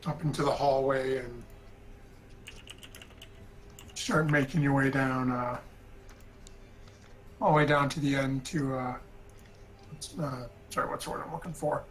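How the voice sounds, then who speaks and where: A man running a tabletop game as game master, narrating in a halting way with many fillers and restarts. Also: medium pitch, fairly even intonation, slight background noise, rough recording.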